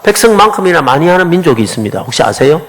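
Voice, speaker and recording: A man's voice: fairly high pitch, very animated, very fast, a bit bright. A man preaching a sermon as a pastor, questioning the congregation.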